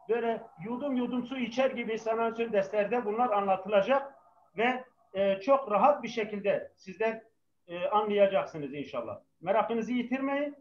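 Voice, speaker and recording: A male language teacher patiently drills his class in a live lesson, with students calling back their responses. His high voice carries a heavy microphone echo and a little hiss or hum. The recording sounds echoing and dull.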